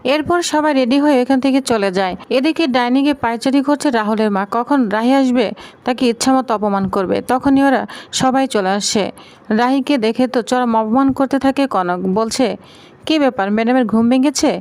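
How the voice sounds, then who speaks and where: A woman narrator with a fairly high voice retells a family serial episode. She keeps a steady storytelling pace, moving from scene to scene and quoting each character. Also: normal speed, dry recording.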